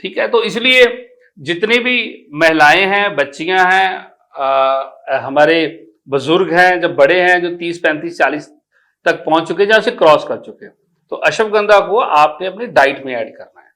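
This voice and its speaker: A middle-aged man, an Ayurvedic doctor explaining health advice in an animated, explanatory way. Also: fairly high pitch, moderate pace. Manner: animated, explanatory, with homely personification.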